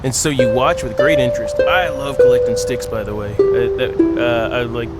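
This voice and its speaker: Over game music, a gaming-video host with a mid-range voice reads a story at normal speed, turning it goofy and giggly, exclaiming and breaking off for quips before drifting back to the text. The recording quality is low.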